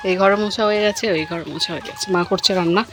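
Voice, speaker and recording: A woman's voice: mid-range voice, wildly swooping pitch, racing, a bit bright, faint music behind. A woman chatting casually to the camera in a home vlog, talking to her child and a goat as she goes. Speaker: vlogger.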